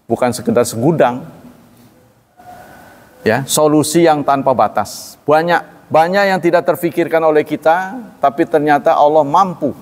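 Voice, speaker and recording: A man's voice: a little high, normal speed. A male Islamic teacher giving a hadith study lecture, folksy and fond of storytelling. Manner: folksy, storytelling with acted quotes. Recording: long hall reverb.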